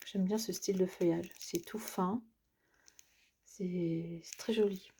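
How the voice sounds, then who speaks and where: Speaking slowly in a low, dark, steady voice with a breathy edge, a woman unboxes craft supplies for her audience. She's a chatty craft vlogger who addresses viewers directly and often pauses with filler sounds.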